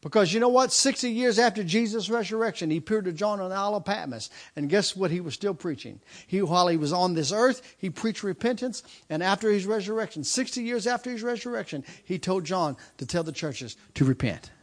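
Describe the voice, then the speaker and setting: A man in his mid-fifties preaches to his congregation, his voice sitting notably high for a man. He hammers his points with repetition, circling back on phrases and restarting sentences as he goes. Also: lively intonation, a little fast, few pauses. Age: 50s. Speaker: pastor. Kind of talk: sermon.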